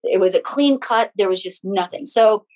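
Her mid-range voice has a darkish tone and a moderate pace. A middle-aged Filipino spiritual teacher and author, she's a podcast guest chatting openly about her life in anecdotes, with occasional small laughs.

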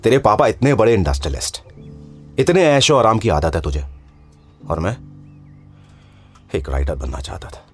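A man playing a young male writer in an audio drama, talking in warm, hesitant, teasing banter. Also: on the low side, sing-song, normal speed, pauses often, husky. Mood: wistful. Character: young male writer, nervous and fond of his friend. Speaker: lead character. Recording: studio voice with music underneath. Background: soft background music.

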